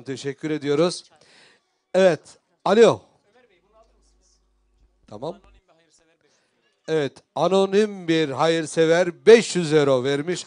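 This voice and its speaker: Somewhat high-pitched male phone-in host. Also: a little mellow. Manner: polite, repeats callers' words and thanks. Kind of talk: live phone-in fundraiser hosting.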